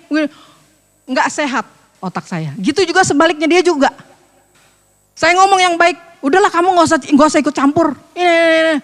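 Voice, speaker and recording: A woman pastor preaching a sermon in a lively, joking, colloquial way. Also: high voice, long reverb tail.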